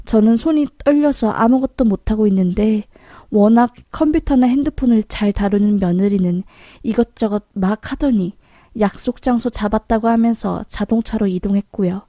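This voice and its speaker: A woman calmly narrating a first-person story in a matter-of-fact way. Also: mid-range voice, dry recording, clean studio sound.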